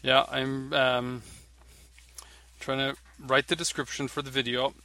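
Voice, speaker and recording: A man's voice: medium pitch, level tone, unhurried, pushed and bright. A man making videos, chatting casually over a call and rambling with lots of "you know" and "like". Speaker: video maker.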